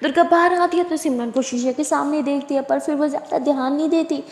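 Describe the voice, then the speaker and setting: A woman's voice: sits high, steady tone, fast. A woman narrating a love story in an easy, conversational storytelling way, with an echoey room behind her. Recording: echoey room with long reverb.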